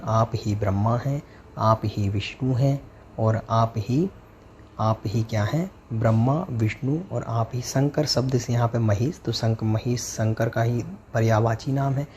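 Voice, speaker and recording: A man teaching as a religious lecturer, chanting verses slowly and then explaining them with rhetorical questions. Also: mid-range voice, slight background noise. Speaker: Jain teacher. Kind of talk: scripture recitation and explanation.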